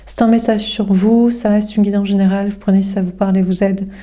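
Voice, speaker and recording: Woman tarot reader, mellow voice, casual and frank, chatty with fillers. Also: mid-range voice, steady tone, fast.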